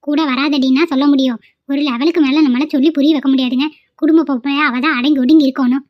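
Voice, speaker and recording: A woman with a Kongu Tamil accent voicing a sharp-tongued, argumentative village housewife in a cartoon. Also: high-pitched, fairly even intonation, fast, dry recording, lightly acted. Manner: argumentative, retorting. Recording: dull lo-fi audio.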